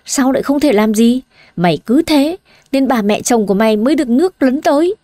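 A woman's voice: sits high, lively intonation, fast talker, no room sound, studio quality, pitched above the performer's own voice. A woman voicing a blunt, fiery young woman who urges her friend to stand up for herself. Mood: urging. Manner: forceful, urging.

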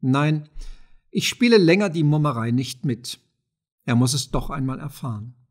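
A man's voice: medium pitch, expressive, normal speed, lightly acted. A man reading an audiobook of a play, voicing a stubborn, grumbling dervish treasurer.

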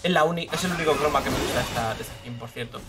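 A young man with a Spain Spanish accent giving live gameplay commentary, swearing freely and bursting into shouts at the big plays. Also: medium pitch, rapid-fire. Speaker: streamer. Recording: game music clearly behind the voice.

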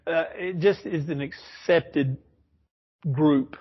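A man's voice: fairly high pitch, slow pace, slightly rough, lo-fi sound. A man teaching an informal Bible study in a church, rambling and correcting himself as he explains. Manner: rambling, self-correcting, chuckles often. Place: church classroom.

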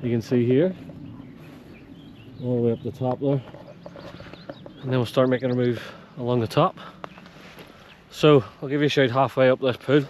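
Man, mid-pitch, chatty hiking vlogger, a bit winded, outdoor wind noise. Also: fairly even intonation, normal speed, long pauses, a little mellow. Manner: chatty, hails viewers as legends. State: somewhat out of breath from climbing. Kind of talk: casual walk-and-talk to camera. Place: outdoors on open hillside.

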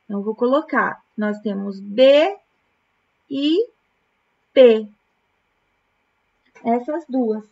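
A Brazilian woman teaching young children in a recorded lesson, talking very slowly and patiently with a slightly high voice. She breaks words into syllables as she corrects exercises, and the recording sounds a little dull and lo-fi. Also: animated, creaky, a little mellow. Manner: slow, patient, syllable-by-syllable explanation. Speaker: primary school teacher.

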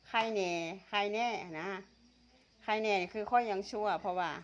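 A woman's voice: medium pitch, normal speed, lo-fi sound. A woman with an Isan accent from northeastern Thailand, chatting casually and teasingly while eating, laughing often. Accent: Isan (northeastern Thai), Tai Yo. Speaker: vlogger.

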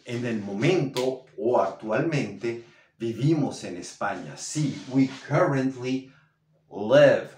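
A man teaching English pronunciation to Spanish speakers, drilling words by repetition in an animated way. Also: mid-range voice. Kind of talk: language lesson. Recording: roomy echo, somewhat far from mic.

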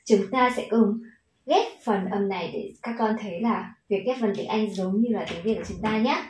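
A woman's voice: medium pitch, moderate pace, a little mellow, echoey room, slight background noise, poor audio. A woman with a Vietnamese accent teaching children English pronunciation, patient and encouraging, stretching out the model words.

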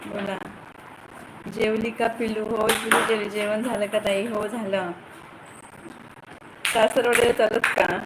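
A woman's voice: medium pitch, little pitch movement, unhurried, pauses often. A young woman from the Konkan coast, hosting a casual phone live stream, greeting viewers by name and answering comments. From Ratnagiri, Konkan, India. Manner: chatty, greets viewers by name, calls to her children. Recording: echoey phone recording with loud background noise.

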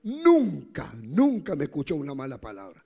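A middle-aged male pastor preaching a sermon, swinging from fervent shouts to hushed storytelling. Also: fairly high pitch, wildly swooping pitch, normal speed, gravelly, slightly rough. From South America.

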